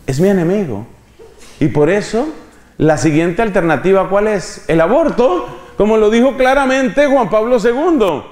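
A man in his fifties giving a pastoral talk, animated, full of rhetorical questions and acted-out quotes. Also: on the high side, roomy sound. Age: 50s. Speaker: preacher. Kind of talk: pastoral talk to youth ministers.

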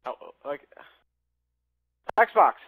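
A man casually chatting while he barks loud voice commands at a game console and laughs often. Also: drawn-out words, no echo, narrow, tinny audio. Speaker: gamer trying voice control. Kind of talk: casual gaming chat.

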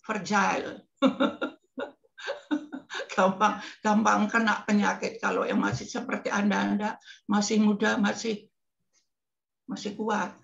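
A woman in her eighties telling lively stories with laughter as a guest on a talk show. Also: medium pitch, takes it slowly, creaky, long pauses, dull audio. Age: 80s. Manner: lively, laughing, mimics singing scales. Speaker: guest entertainer. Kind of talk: casual talk show storytelling.

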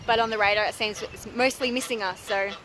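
A woman's voice: medium pitch, fairly even intonation, brisk. A woman in her thirties talking casually to a handheld camera about her farm, with lots of fillers and some frustration. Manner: chatty, filler-heavy, frustrated. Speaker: vlogger. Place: car, then outdoors on a rural property. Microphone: handheld camera at arm's length. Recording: noisy car and outdoor background.

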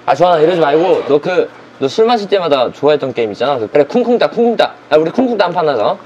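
Lively, teasing man in a comedy sketch. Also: on the high side, quick pace, muffled recording, slight background noise. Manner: animated, teasing, sing-song. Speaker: comedy sketch performer, consoling friend. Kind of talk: comedic sketch, playful banter.

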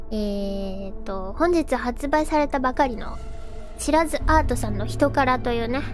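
Woman streamer, high voice, playful and teasing chat, music playing underneath. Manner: playful, drawn-out greetings, teasing. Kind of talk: casual game stream chat. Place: darkened room.

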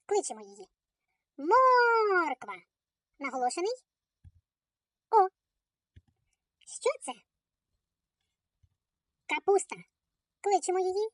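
A woman teaching a children's lesson, calling out words slowly in a sing-song way. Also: extremely high pitch, warm tone, dry recording, clean studio sound.

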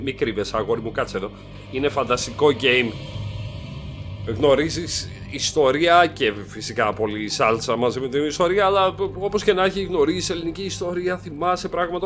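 A young man giving excitable let's play commentary, swearing and shouting at the game and dropping English slang into his talk. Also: mid-range voice. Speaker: gaming YouTuber. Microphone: desk microphone.

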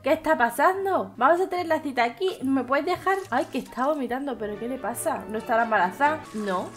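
A young Spanish woman with a high voice, talking casually over her gameplay. She chats and exclaims as she reacts to what happens on screen. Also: lively intonation, brisk, a bit bright, soft background music. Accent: Spain Spanish. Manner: chatty, exclaims and reacts to the game. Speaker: gaming YouTuber.

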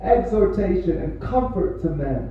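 Encouraging preacher in an echoey church hall. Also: male voice, high voice, lively intonation, mellow, a little hiss or hum. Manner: short encouraging phrases, pausing for translation. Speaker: visiting preacher. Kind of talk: preaching through an interpreter. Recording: echoey hall, distant and dull.

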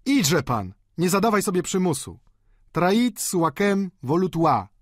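A man reading aloud voices a brisk, cheerful young medical student with a raised, breezy delivery. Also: high-pitched, big pitch swings, no room sound, clean studio sound, voice pushed up, heavily acted. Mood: wry.

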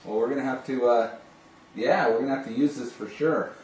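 Here a middle-aged man, a video phone sales representative, talks a little fast in a medium-pitched, darkish voice. He is casual and gushingly enthusiastic as he shows a product and speaks on a call. Audio comes from a camera a few steps away in a small indoor home office, roomy and distant with hiss.

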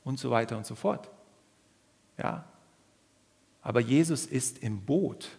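Husky-voiced man preaching in a reverberant church. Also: unhurried. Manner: lively, dramatic, acts out quoted voices with pitch jumps. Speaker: guest preacher. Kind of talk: sermon. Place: church hall.

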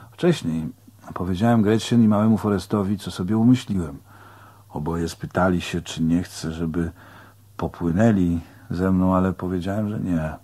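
Deep-voiced man narrating an audiobook. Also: a little mellow. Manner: plain-spoken, colloquial. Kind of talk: first-person audiobook narration.

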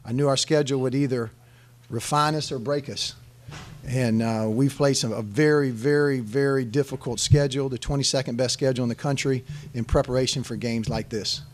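A man's voice: mid-range voice, fairly even intonation, brisk, darkish tone. A middle-aged man, a head basketball coach, answering press conference questions emphatically, often restarting and repeating his phrases into a desk microphone. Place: press conference room, seated at table. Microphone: desk microphone on stand.

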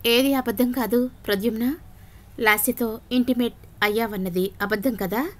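A woman's voice: fairly high pitch, steady tone, normal speed, natural voice. A woman voicing a middle-aged mother who confronts her son with bitter, accusing questions.

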